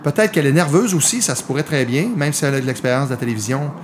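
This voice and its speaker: A man's voice: fairly high pitch, lively intonation, rapid-fire, background noise. A man with a Quebec French accent giving live golf commentary on a mini-golf match, explaining the play to viewers.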